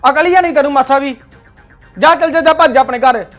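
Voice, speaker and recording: A man's voice: very high-pitched, fast, a bit bright, soft background music. An actor playing a hot-tempered young husband who barks bossy commands at his wife. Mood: angry, bossy. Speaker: actor in a family skit.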